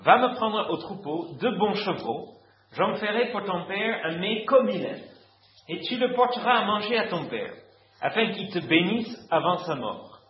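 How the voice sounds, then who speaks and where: A scheming mother, urgent and commanding, as a man reading puts her on. Her voice sits high and loud, and the room echoes dully. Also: lively intonation, unhurried. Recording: roomy, dull lo-fi recording.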